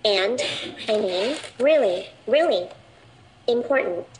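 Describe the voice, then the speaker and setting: A woman's voice: a little high, lively intonation, slow, a crowd in the background, rough recording. A synthetic text-to-speech woman's voice voicing a friendly female robot who coaches children through their exercises. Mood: cheerful.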